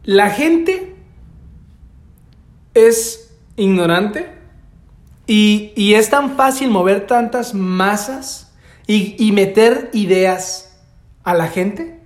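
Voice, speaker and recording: Young Mexican guy, excitable slangy chatter, echoey room sound. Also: sits high, drawn-out words, long pauses. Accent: Mexican Spanish. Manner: excitable, swears freely, thinks aloud with repetitions. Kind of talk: casual conversation. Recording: roomy echo.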